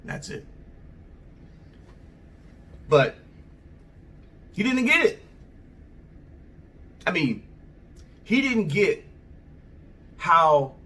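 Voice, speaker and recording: A man's voice: sits high, big pitch swings, drawn-out words, long pauses, fairly bright tone, far from the mic. A male vlogger giving a rambling, conversational opinion monologue to the camera.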